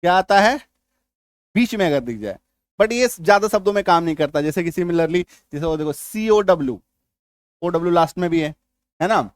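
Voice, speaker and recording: A man's voice: high-pitched, animated, moderate pace, pauses often, no room sound, clean studio sound. A man with an Indian accent teaching English spelling rules in a lesson. He drills words, repeats himself and keeps checking whether learners understood. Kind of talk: spoken lesson.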